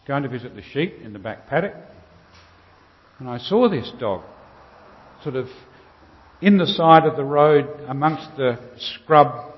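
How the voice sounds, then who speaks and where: Man, Australian accent, church preacher, storytelling sermon, unhurried short phrases, cathedral echo, slightly muffled recording. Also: mid-range voice. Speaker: Lutheran preacher. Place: large reverberant church. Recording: long cathedral-like reverb, slightly dull sound.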